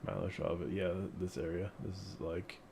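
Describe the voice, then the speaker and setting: A man's voice: sits low, normal speed, darkish tone, a little hiss or hum. A young man chatting casually on a live game stream in slangy, profane, laid-back bro talk. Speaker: teacher. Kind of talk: casual live stream chat while gaming.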